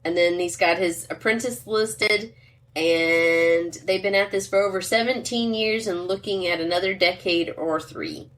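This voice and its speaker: A woman's voice: lowish voice, measured pace, a bit bright. A woman co-hosting a podcast in casual, rambling chat, reading a wine label aloud. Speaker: podcast co-host.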